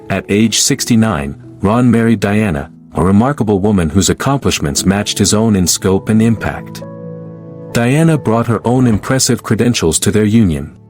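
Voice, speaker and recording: A man narrating a scripted documentary tribute in a measured, solemn storytelling manner. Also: fairly low pitch, a little mellow. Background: background music.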